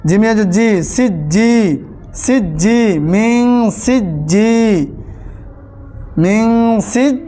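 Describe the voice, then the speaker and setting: A man teaching a Quran spelling lesson, chanting letters and syllables slowly and repeating them in a steady drill. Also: high-pitched. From Bangladesh.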